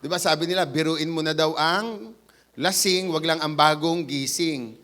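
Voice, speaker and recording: A man with a Batangas Tagalog accent preaching an animated sermon, acting out the quoted voices and switching into English now and then. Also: on the high side, normal speed. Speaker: pastor. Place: church.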